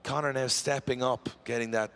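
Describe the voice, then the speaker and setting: A man's voice: medium pitch, steady tone, normal speed, a bit bright. A man giving live drift commentary, chatty and bantering with his co-host.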